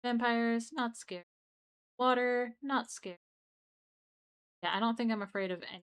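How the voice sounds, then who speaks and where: A woman's voice: on the high side, normal speed, fairly bright tone, clear, resonant tone. A young adult woman streamer chatting casually, rambling with restarts and asides to her viewers. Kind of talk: casual livestream chat.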